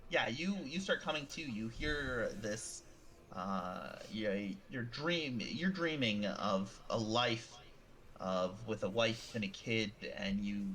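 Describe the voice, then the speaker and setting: A man runs a tabletop game as game master, describing scenes in a halting way that repeats words. His voice is bright and clear at an average pitch, with faint noise under it. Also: animated.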